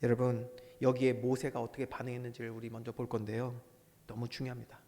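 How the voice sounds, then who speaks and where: A male pastor preaching a sermon with passion, swinging from loud bursts to hushed asides. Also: mid-range voice, completely flat delivery, quick pace, in a large hall.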